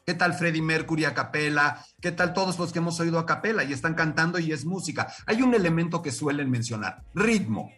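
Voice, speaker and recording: A Mexican man teaching music as a radio guest, lecturing with lively rhetorical questions and sung examples. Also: a little high, brisk, few pauses, distant mic. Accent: Mexican Spanish. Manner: animated, lecturing, sings short examples. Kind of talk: radio interview lesson.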